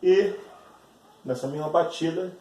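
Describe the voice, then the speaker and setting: A man's voice: fairly high pitch, a little slow, a little mellow, distant mic, a little hiss or hum. Man teaching grammar in an echoey room. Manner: patient, checks in often with tag questions. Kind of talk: recorded online grammar lesson.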